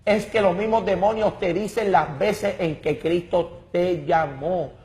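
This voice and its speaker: With a high, slightly mellow voice and a somewhat slow delivery, another guest pours out an impassioned religious testimony. He is emphatic and dramatic, repeating words as he searches for what comes next.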